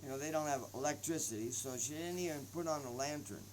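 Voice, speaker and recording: A man telling a devotional story, slow and hesitant with frequent pauses and asides. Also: a little high, slight background noise, low-quality recording.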